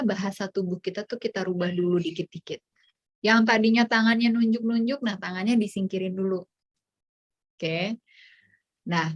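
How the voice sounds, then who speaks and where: A woman psychologist giving an online parenting workshop, explaining in a chatty way and acting out what a parent might say. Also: medium pitch. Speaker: child psychologist speaker.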